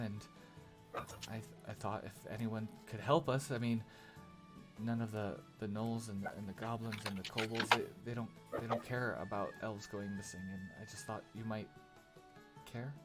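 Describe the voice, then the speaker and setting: A man voicing a shy, middle-aged elf woman who stammers and speaks softly as she asks for help. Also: lowish voice, steady tone, a little slow, music in the background, lightly acted. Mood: pleading. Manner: stammering, hesitant, soft-spoken.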